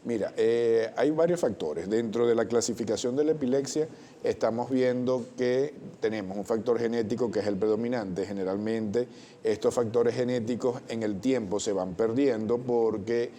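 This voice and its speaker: A man, a doctor explaining things as a guest in a television interview, measured and technical, often restarting words. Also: medium pitch, dark tone, slight background noise. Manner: measured, technical, with frequent self-corrections.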